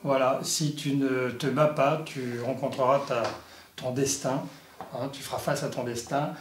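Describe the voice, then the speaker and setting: A man presents a product in a casual, halting, explanatory way, as in a hands-on toy review. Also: medium pitch, steady tone, a little hiss or hum. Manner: halting, explanatory, punctuated with little sound effects. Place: indoor room. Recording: echoey room, faint music behind.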